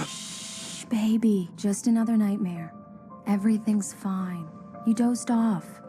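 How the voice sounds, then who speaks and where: Soft, tender young wife voiced by a woman. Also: mid-range voice, slow, faint music behind, natural voice. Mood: tender soothing. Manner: tender, teasing. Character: affectionate, playful wife of a writer. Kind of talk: video game voice acting.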